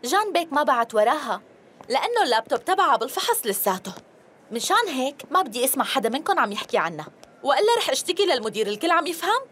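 Bossy, high-pitched Syrian Levantine Arabic woman. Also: very animated, very fast, a bit bright, a little hiss or hum. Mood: bossy, scolding. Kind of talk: dubbed television drama dialogue.

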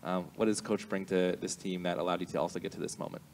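Low, even-voiced man hosting in a hall. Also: fast talker. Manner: steady, inquisitive questioning. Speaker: rabbi and show host. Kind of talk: live interview on stage. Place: large sanctuary hall. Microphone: handheld microphone. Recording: long hall reverb.

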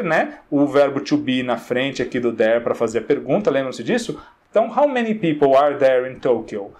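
A man teaching English, explaining slowly and often checking that his students follow along. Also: medium pitch, a little mellow. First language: Portuguese. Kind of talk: classroom English lesson.

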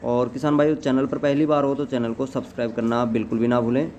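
A man's voice: medium pitch, flat delivery, quick pace, a little mellow. A man hosting a price update channel, reading a scripted news-style voice-over. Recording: muffled lo-fi audio with background noise.

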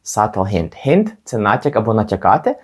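Young guy with a lowish voice teaching english pronunciation, patient, says each word slowly again. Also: big pitch swings, a little mellow, breathy edge. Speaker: English teacher on his channel.

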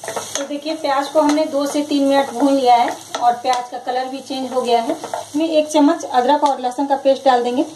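Woman, cooking host, high voice, calm step-by-step recipe voice-over, faint hiss behind. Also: normal speed. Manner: calm, instructive, repeats each step. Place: home kitchen, over frying sounds.

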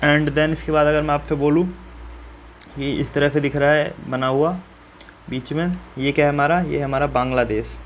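In this map-filling lesson for school students, a man guides learners step by step in a warm, reassuring manner and frequently asks viewers questions. His voice is fairly high and even, his pace normal, and a faint hiss or hum is audible.

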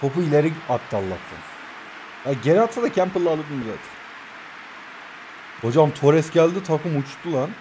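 This is a man from Turkey in his twenties with a voice on the high side, speaking at a moderate pace with frequent pauses over background noise. Late at night in his new place, he keeps quiet while excitedly calling out player names in his mobile football game and talking to viewers as live commentary.

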